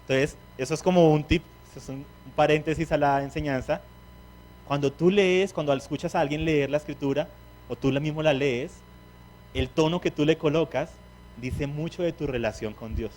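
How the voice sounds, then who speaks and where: A man's voice: fairly high pitch, moderate pace, a little mellow. A man preaching a sermon, who asks the congregation questions and acts out the words of biblical figures.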